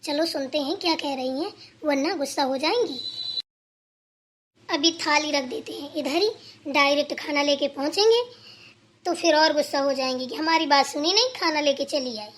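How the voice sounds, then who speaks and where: Lady playing a chatty young daughter-in-law in a cartoon, eager to please, really high voice. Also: moderate pace, long pauses, fairly bright tone. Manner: chatty, explaining at length. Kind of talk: cartoon voice acting.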